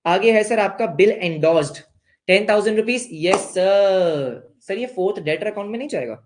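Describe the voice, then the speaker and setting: A man's voice: high voice, lively intonation, normal speed. A young man with an Indian accent teaching an accounts lesson, playfully asking questions and answering them himself as a student would. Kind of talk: online class lesson.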